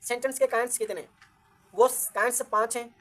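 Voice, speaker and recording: A woman's voice: fairly high pitch, fairly even intonation, a little fast, faint music behind. A woman teaching a grammar lecture, patiently repeating each point and counting words aloud as she explains.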